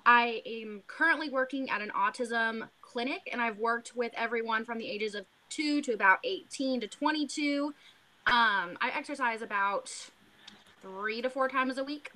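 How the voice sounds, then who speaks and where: A woman in her mid-twenties introduces herself quietly. Her voice is bright and a little high. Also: normal speed, rough recording. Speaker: graduate student presenter. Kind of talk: self-introduction.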